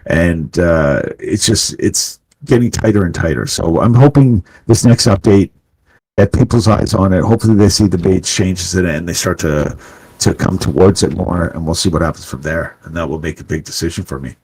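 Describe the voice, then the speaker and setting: A man from Canada speaks in a low, husky voice over a video call. He rambles earnestly and restarts his sentences often, sounding like a game developer chatting in a casual interview. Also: normal speed, poor audio. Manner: rambling, earnest, warm-hearted talk with frequent restarts.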